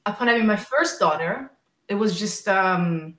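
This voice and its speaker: Appearing as a podcast guest, a woman in her thirties who works as a speech and language therapist and stammers talks with open emotion, stammering at times. Her medium-pitched voice is animated, unhurried and fairly bright. It's recorded in an echoey room.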